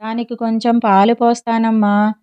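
A woman's voice: on the high side, flat delivery, moderate pace, dark tone, clear, resonant tone, natural voice. A woman voicing a tired, hungry little boy who coaxes his mother in a whiny tone, in a slightly muffled recording. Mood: coaxing. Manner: whiny, coaxing.

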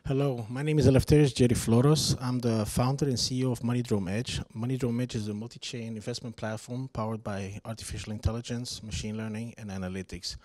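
Casting note: man, founder at a book launch, formal and measured, dry close sound. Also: mid-range voice, fairly even intonation, a little mellow, no echo. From Greece. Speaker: founder and CEO. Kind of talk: self-introduction at book launch. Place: seminar room. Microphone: handheld mic.

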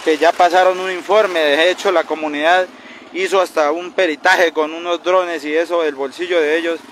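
Urgent high-voiced man outdoors. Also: fairly even intonation, normal speed, fairly bright tone. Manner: urgent, indignant complaint, pointing things out. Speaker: community leader. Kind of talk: on-the-street interview. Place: roadside outdoors by a bridge. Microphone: handheld news mics held close. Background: passing traffic.

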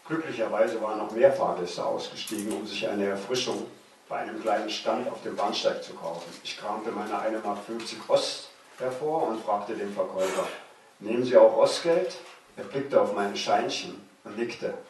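A German man in his sixties reading aloud from his own memoir, measured and slowing down for suspense. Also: fairly low pitch, a little hiss or hum. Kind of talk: literary reading. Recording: very echoey room, distant mic.

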